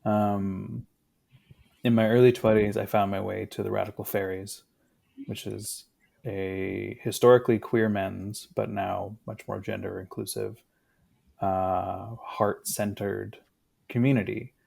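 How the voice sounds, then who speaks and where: A man in his thirties, a guest in a casual conversation, talking in a reflective, unhurried way with fillers. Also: fairly low pitch, flat delivery, vocal fry, a little mellow.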